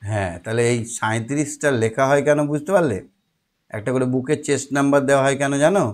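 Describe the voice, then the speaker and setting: A man teaching a young child their homework, asking questions patiently and explaining slowly. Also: mid-range voice.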